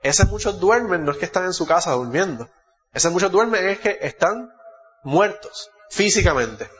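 Puerto Rican preacher in an echoey hall. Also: male voice, high-pitched, expressive, normal speed, fairly bright tone, dull audio, faint music behind. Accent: Puerto Rican Spanish. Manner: expository, reads Bible verses aloud, corrects himself. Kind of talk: sermon.

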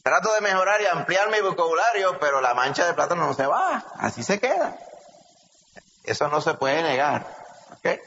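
A man with a Puerto Rican accent preaching a sermon, animated, asking rhetorical questions and calling listeners brother. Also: fairly high pitch, moderate pace, a little hiss or hum. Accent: Puerto Rican Spanish. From Puerto Rico. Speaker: pastor. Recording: echoey hall, slightly dull sound.

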